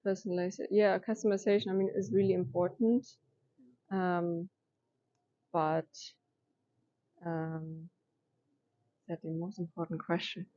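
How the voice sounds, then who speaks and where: A young woman from Germany, a master's student being interviewed, answering thoughtfully with pauses and restarts. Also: fairly low pitch, flat delivery, warm tone, no room sound, lo-fi sound. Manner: thoughtful, hesitant, with many fillers and restarts. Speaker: interviewee, education data science master's student.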